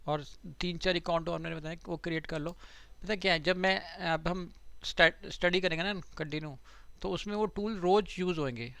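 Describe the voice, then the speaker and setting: Man teaching, gravelly voice. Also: a little high, a little fast, a bit bright, dry recording. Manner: conversational, repeats "theek hai" to check students follow. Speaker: digital marketing trainer. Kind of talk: live online class teaching.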